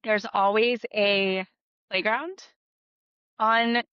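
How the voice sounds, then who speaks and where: A woman's voice: medium pitch, fairly even intonation, extremely slow, clear, resonant tone, no room sound. A woman in her thirties, a podcast co-host, chatting casually and giving practical tips with frequent ums. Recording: dull dry podcast audio.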